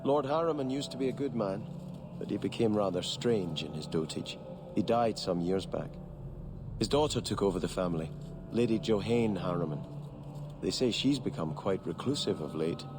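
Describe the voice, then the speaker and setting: An actor playing a devout young nobleman in a game, speaking in an earnest, formal, measured way. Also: lowish voice, lively intonation, noisy background, lightly acted. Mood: solemn. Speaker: game character.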